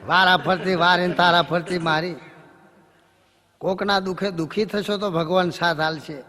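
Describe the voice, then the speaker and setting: Bright-voiced devotional male storyteller. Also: sits high, moderate pace, big-room sound. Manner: preachy, jokey, animated storytelling.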